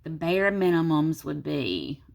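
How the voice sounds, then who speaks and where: A planner vlogger, sick and congested with a sore throat, talks tiredly to her viewers from her desk at home, rambling with low energy. Her voice is sing-song and unhurried, darkish in tone with vocal fry.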